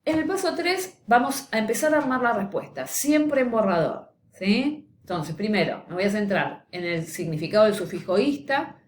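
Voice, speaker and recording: A woman's voice: mid-range voice, sing-song, normal speed, few pauses. A woman giving a recorded lecture, explaining step by step and often checking in with a questioning "¿sí?". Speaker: teacher. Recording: echoey room, faint noise.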